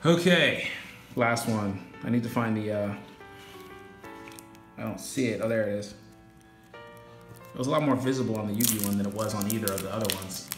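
A man's voice: fairly low pitch, normal speed, long pauses. Man with an echoey room sound. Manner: casual, rattles off lists of names, apologetic asides. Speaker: YouTuber unboxing trading cards. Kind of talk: casual unboxing vlog. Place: indoor home room with echo. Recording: echoey room with music behind.

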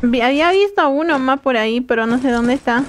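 High-voiced chatty woman streamer. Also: lively intonation, fairly quick, background noise. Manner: chatty, reads chat aloud, laughs often. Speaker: game streamer. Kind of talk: casual live-stream chat.

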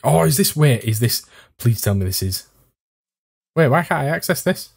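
Brief: cheeky young gamer, lively intonation, dry close mic. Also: male voice, medium pitch, creaky, husky, no echo. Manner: playful, cheeky, quick to laugh. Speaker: Let's Play co-host. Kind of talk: casual gaming banter.

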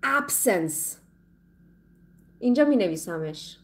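A Persian-speaking woman teaching English in a playful, lively way, slowing down carefully whenever she speaks English. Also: medium pitch. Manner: switches between Persian and slow, carefully spoken English. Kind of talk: live online English lesson.

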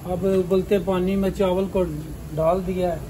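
A man in his thirties, a cook, calmly explaining his recipe step by step in an outdoor restaurant kitchen. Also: high-pitched, measured pace. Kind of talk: cooking demonstration. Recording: clear background noise.

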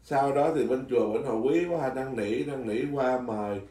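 A man, a Buddhist monk telling stories from his life in easy conversation. He talks in an animated way, laughs often and trips over his restarts. The recording carries a clear echo, and he sits some way from the mic. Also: mid-range voice, normal speed. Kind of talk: casual storytelling chat. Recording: echoey room, mic at a distance.

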